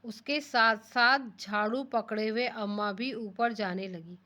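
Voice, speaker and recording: A woman's voice: on the high side, fairly even intonation, bright, forceful tone. A woman teaching young pupils, reading a children's story aloud and explaining each line in simpler words, with frequent questions to the class. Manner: rereads lines slowly then explains them in simpler words; asks the class rhetorical questions. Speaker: primary school teacher.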